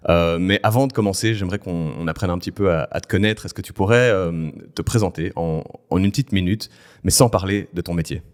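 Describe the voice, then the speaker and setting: Deep-voiced male podcast host. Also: fairly quick. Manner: friendly questioning, some hesitations. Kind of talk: podcast interview.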